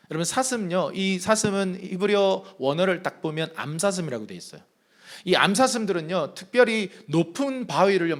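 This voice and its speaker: A male pastor delivers a sermon in a church with a high, bright-sitting voice. His pitch leaps and dips constantly as he presses each point. He preaches emphatically and calls the congregation to read along with him. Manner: emphatic preacher, leads congregation in reading aloud. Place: church sanctuary.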